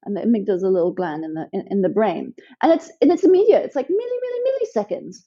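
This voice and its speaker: A woman's voice: mid-range voice, sing-song, racing, dark tone, muffled recording. A woman coach, born in Thailand and raised in Nepal, explains her ideas at length in a podcast interview, with many fillers. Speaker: guest coach for women.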